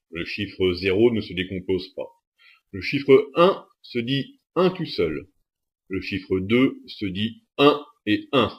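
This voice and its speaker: A man reading a scripted instructional narration in a steady, methodical way. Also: lowish voice.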